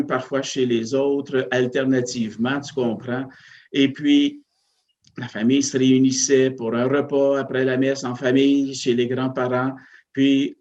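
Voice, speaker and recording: In an interview, a man who serves as a parish priest shares personal stories about his family and his faith, speaking slowly and reflectively. He's from Northern Ontario, Canada, and his ordinary-pitched, slightly mellow voice is full of hesitations, fillers, and restarts, with somewhat dull sound reminiscent of old television.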